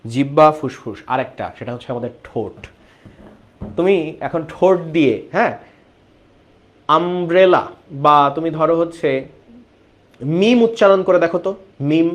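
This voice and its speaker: Animated male biology teacher. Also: on the high side, normal speed, pauses often. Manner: explains step by step, keeps asking students questions. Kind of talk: online class lecture.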